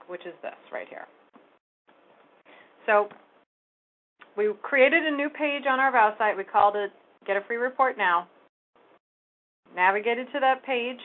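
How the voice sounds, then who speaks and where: A woman walks through a website task on a screen recording, explaining each step in a casual, running way. Her voice sits at an ordinary pitch for a woman. The sound is thin and narrow, like a phone line. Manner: casual step-by-step explaining, talks while clicking. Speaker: real estate tech trainer. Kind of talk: screen-share software tutorial. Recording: phone-like narrow band audio.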